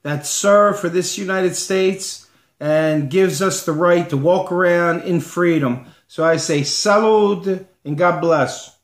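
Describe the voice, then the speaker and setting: A middle-aged man hosting a homemade sports picks show in a casual, informal chatting style, with pauses between phrases. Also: sits high. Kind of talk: casual comedic show chat. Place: living room at home. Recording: roomy home webcam sound.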